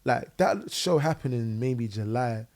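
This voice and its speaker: Recorded through an arm-mounted boom mic on a living room podcast set, a young London musician chats as a guest, heavy on fillers and "innit." His medium-pitched voice is animated and a little mellow, moving at a measured pace.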